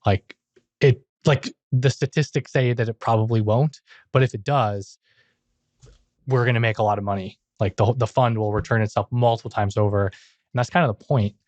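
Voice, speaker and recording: A man's voice: medium pitch, fairly even intonation, moderate pace, darkish tone, dry recording, dull audio. A young man hosting a podcast, chatting and asking questions in a casual, talkative way. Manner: chatty, questioning, uses "like" often. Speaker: podcast host.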